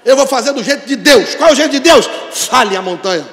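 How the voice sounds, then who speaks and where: A man pastor with a Brazilian Portuguese accent preaching a sermon in a large church, calling on the congregation to repeat after him and rising to shouted declarations. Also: very high voice, lively intonation, quick pace, big-room sound. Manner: preaching with call-and-response, building to shouted declarations.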